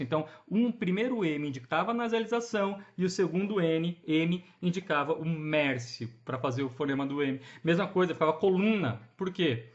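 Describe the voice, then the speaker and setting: A man with a Brazilian Portuguese accent explains grammar in an informal online lesson. His voice sits somewhat high for a man. He keeps checking in with the viewer and tosses out rhetorical questions, and the recording sounds dull and lo-fi. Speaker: grammar teacher.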